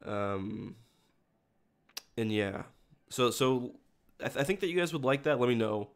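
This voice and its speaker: His medium-pitched voice is creaky and animated, moving a little slowly and thick with the sniffles of a cold. He's a video creator hosting a livestream, chatting casually with viewers in rambling, stop-start phrases full of self-corrections.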